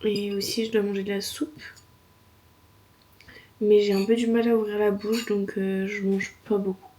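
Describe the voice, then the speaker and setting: A woman's voice: medium pitch, flat delivery, normal speed, warm tone. A woman chatting casually to camera in slangy, informal speech, her mouth sore and swollen after wisdom teeth removal, complaining lightly. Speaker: vlogger.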